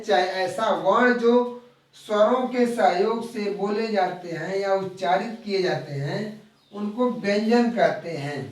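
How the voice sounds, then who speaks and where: High-voiced male teacher in an echoey room. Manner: explains slowly, repeating key terms and drawing out example sounds. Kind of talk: live online grammar lesson. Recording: very echoey room, voice from far off the mic.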